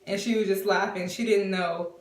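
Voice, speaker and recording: A chatty woman in her twenties tells a casual storytime with plenty of fillers, slipping into the voices of the people in it. She sits back from the mic in a roomy, echoing space, and her pitch sits in the middle range. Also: steady tone, normal speed. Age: 20s. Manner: chatty, many fillers, acts out quotes. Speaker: vlogger. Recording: roomy, from a distance.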